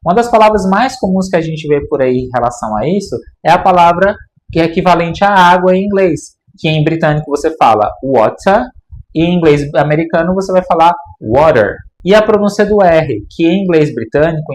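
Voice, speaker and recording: A fairly high-voiced Brazilian man, a native Portuguese speaker, gives an online English lesson. He explains with enthusiasm and talks straight to his viewers. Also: a little fast. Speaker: English teacher.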